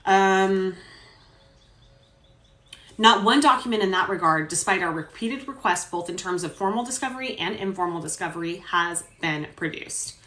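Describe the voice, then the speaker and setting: A woman voicing a male attorney making a formal, measured courtroom argument, as a dramatic reading of a court transcript. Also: medium pitch, animated, fairly bright tone, lightly acted. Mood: earnest. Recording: roomy echo.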